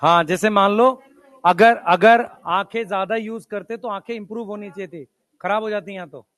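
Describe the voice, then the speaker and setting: A man lectures a classroom in a fairly high voice and mixes in English technical terms as he explains. He calls his students "beta" and keeps urging them to write it down quickly. The sound is dry and close, with no room echo. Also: fairly even intonation, fairly bright tone. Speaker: teacher.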